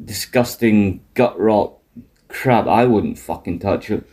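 Man, broad Scottish accent, relaxed dark tone, casual storytelling, colloquial, foul-mouthed. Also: on the low side, slow. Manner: coarse, sweary, colloquial. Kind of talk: casual chat, animated storytelling.

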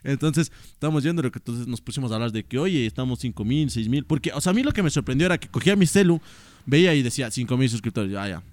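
Animated young man, lively pitch. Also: fast, no echo. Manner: animated, slangy, laughing storyteller. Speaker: podcast co-host. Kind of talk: casual chat.

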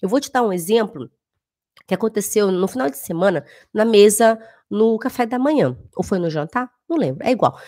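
A woman's voice: mid-range voice, animated, a little fast, warm tone. A woman, a German teacher talking casually to camera, emphatic and repeating phrases for stress.

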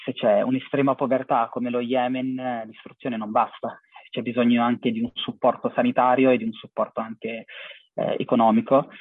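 A young man speaks earnestly in an interview, pausing as he searches for words. His voice is husky, and it comes through a thin, phone-like connection with very little room sound. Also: mid-range voice, little pitch movement, dry recording. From half Syrian family. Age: young adult. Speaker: interviewee, charity cycling traveller. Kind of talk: reflective personal account in an interview.

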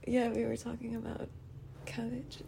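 A woman's voice: on the high side, completely flat delivery, normal speed, creaky, dark tone, breathy edge. A woman from the Netherlands, an intimacy coach and podcast guest, talking directly and laughing often. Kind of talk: casual podcast conversation.

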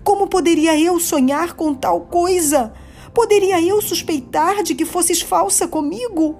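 A woman's voice: extremely high pitch, a little slow, darkish tone, voice pushed up. A woman voicing an impassioned young man who exclaims with pleading intensity. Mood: anguished. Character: desperate young man, impassioned and anguished lover.

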